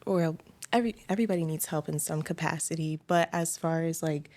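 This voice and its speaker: A young woman with a low voice speaks in a thoughtful, measured way. She offers advice in a candid group conversation, pausing to gather her thoughts. Her tone is steady and sincere. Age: young adult. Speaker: college student guest.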